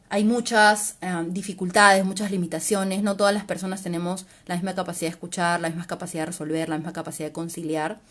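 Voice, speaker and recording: A woman psychologist, giving an informal live-stream talk. She explains patiently and often closes phrases with a questioning tag. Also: lowish voice. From Peru. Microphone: livestream mic.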